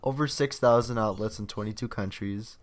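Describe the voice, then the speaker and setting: A man's voice: lowish voice, fairly quick. Young man joking casually at home. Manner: joking, rambling, trailing off. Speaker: podcast co-host. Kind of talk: casual chat. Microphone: home computer mic with loud keyboard.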